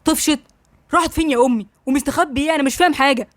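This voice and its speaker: A woman with an Egyptian accent voicing a hot-tempered young husband, blunt and brisk. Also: high voice, no echo, close to an everyday voice. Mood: anxious. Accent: Egyptian Arabic.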